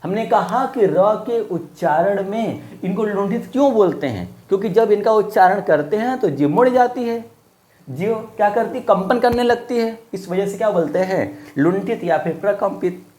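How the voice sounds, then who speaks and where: Casting: male teacher, somewhat high voice, casual friendly online lesson, drills with questions and repetition. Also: animated, moderate pace, darkish tone. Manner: asks questions and repeats words for drill; casual, friendly classroom talk. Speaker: Hindi grammar teacher.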